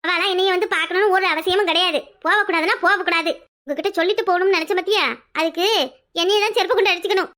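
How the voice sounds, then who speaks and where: A very high, bright, quick voice for a scolding old mother-in-law in a village cartoon, done by a woman. She nags and complains dramatically in Kanyakumari Tamil, sharp-tongued and bossy. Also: steady tone. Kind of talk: cartoon voice acting.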